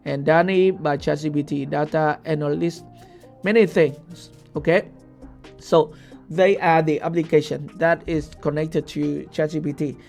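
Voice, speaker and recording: In a small room with quiet music underneath, a young man, a native Vietnamese speaker, hosts a screen-share tutorial on software. He explains each step and frequently checks in with "okay?", his slightly high voice carrying a gravelly fry.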